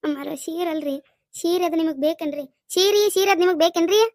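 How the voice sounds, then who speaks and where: A woman's voice: sits high, fairly even intonation, fast talker, a little mellow, no room sound, studio quality, close to an everyday voice. A woman voicing a bossy, exasperated village daughter-in-law with a North Karnataka accent in a cartoon comedy. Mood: loud, coaxing. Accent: North Karnataka Kannada. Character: busy village daughter-in-law shopping for a saree.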